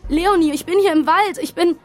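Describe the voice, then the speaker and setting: A woman voicing a teenage farm boy in panic, shouting frantically in an audiobook story. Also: a little high, animated, unhurried, slightly rough, soft background music. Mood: panicked.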